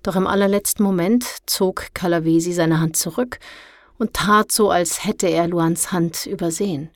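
A woman narrating a children's storybook in a calm, measured way. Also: lowish voice, no echo, studio quality. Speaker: audiobook narrator.

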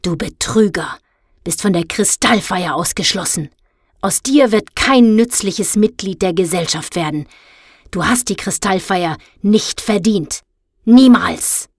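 A woman's voice: medium pitch, normal speed, breathy edge, dry recording, studio quality. A woman voicing a stern middle-aged house mother in a storybook reading, with a cold and harsh scolding manner. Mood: icy scolding.

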